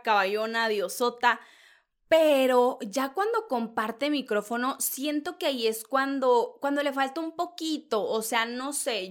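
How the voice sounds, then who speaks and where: Female gossip host, northern Mexican accent, high voice, loud and theatrical. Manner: loud, animated, dramatic, mimics others mid-story. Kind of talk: casual celebrity gossip commentary.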